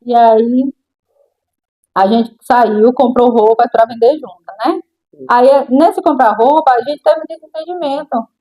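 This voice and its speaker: A woman's voice: on the high side, a little slow, dark tone, low-quality recording. A middle-aged woman with a Brazilian accent, a guest sharing her personal testimony in an interview and acting out the voices of the people in her story.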